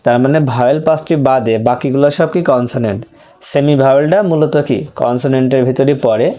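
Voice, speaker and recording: Male teacher, mellow voice, patient drilling lesson, keeps repeating letters for the class. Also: mid-range voice, steady tone, fast. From Bangladesh. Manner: asks rhetorical questions, drills pronunciation by repetition. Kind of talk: grammar lesson for beginners.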